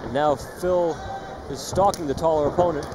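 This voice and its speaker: A man's voice: a little high, normal speed. A man giving live play-by-play commentary on a fight. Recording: loud crowd noise behind commentary. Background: loud arena crowd.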